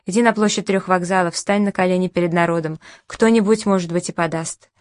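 A woman reading an audiobook, voicing an insolent young man who shouts scornful insults, in a dry recording. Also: on the low side, fairly even intonation, brisk, no room sound, natural voice.

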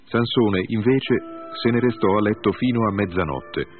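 Deep-voiced man reading scripture. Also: animated, a little fast, faint music behind. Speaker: Bible reader. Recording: tinny phone-like audio.

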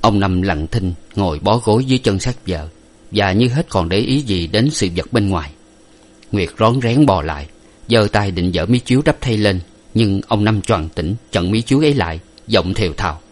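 A man's voice: fairly low pitch, animated, moderate pace, a little mellow. Man narrating a story.

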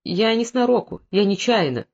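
Defiant young peasant woman in a storybook, as an audiobook reader puts her on, sharp retorts, stubborn, slightly dull recording. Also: mid-range voice, animated, moderate pace, creaky.

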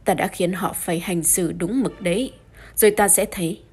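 A woman's voice: on the low side, fairly even intonation, darkish tone, husky. A woman reading as a cool stern police inspector. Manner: cool and unhurried. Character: calm stern police inspector, man, dry.

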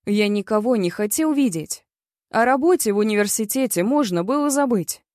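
A woman's voice: medium pitch, lively intonation, moderate pace, darkish tone, no room sound, clean studio sound. Woman reading a blunt, bitter story. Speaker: audiobook reader. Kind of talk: first-person story narration.

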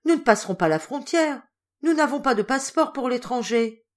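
An earnest, devoted lady pleads with her father, as a woman reader puts her on. Her voice moves widely in pitch. This is a storybook audiobook. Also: lively intonation, a little fast. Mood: alarmed. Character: anxious loving adult daughter, a lady.

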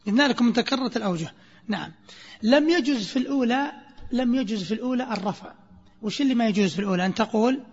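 A high-voiced man teaches a grammar class, his tone husky as he drills his students and stretches phrases out slowly. The recording is muffled, with a long echo like a large lecture hall.

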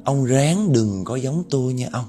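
A man's voice: medium pitch, lively intonation, unhurried, dark tone, faint music behind, lightly acted. A man voicing the ghost of a young man, mournful and pleading. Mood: sorrowful.

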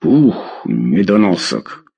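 A man voicing an enraged middle-aged father who hurls pompous threats at his son, with a husky, lively voice. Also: deep voice, very slow, highs cut off, voice pushed down, heavily acted. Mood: furious.

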